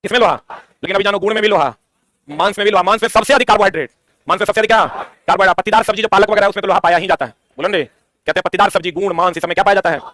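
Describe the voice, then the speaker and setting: A man's voice: sits high, rapid-fire, a bit bright, no echo. A man, teaching an exam-prep science lesson, asking questions and answering them himself. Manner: quizzing, asks and answers his own questions.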